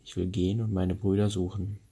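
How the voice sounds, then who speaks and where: Man reading as a devoted young princess, storybook, plain tone, low gravelly voice. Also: level tone, a little fast, mellow, full character voice. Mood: earnest.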